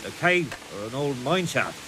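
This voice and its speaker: A man's voice: medium pitch, very animated, normal speed, background noise, natural voice. A man voicing a wary, grudging medieval village tradesman in a video game. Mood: grudging, cooperative.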